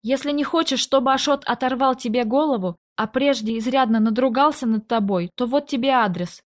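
A woman's voice: a little high, a little fast, close to an everyday voice. An urgent, breathless female shop coworker, as a woman narrator puts her on, pushing to help in a storybook reading. The voice sits a little above the narrator's own and is close to her usual voice.

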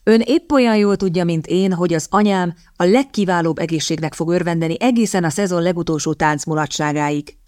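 A woman voicing a grumpy, sardonic young gentleman in an audiobook, slow and grumbling with a mocking edge. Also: on the low side, dry recording, studio quality, natural voice.

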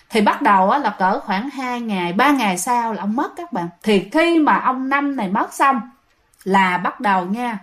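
High-voiced Southern Vietnamese woman storyteller. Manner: chatty, addresses listeners directly, trails off and restarts. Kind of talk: casual ghost story narration.

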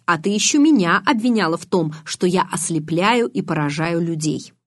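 A woman's voice: fairly low pitch, lively intonation, moderate pace, dry recording. An aloof teenage vampire boy, cool and mocking, read by a woman in an audiobook. He speaks in a dry, restrained, sardonic way. The sound is close and dry. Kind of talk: audiobook reading.

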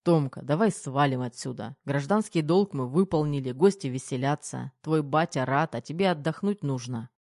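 Reader voicing a young army major who is gruff yet doting with his wife, in a mellow, close audiobook voice with no room sound. calm and protective. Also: medium pitch, normal speed, hardly any pauses, dry recording, lightly acted. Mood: coaxing.

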